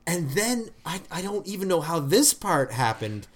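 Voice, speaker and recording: A man's voice: fairly high pitch, very animated, moderate pace, background noise. A man co-hosting a podcast, telling a long story in casual chat with many restarts and laughs. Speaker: podcast co-host.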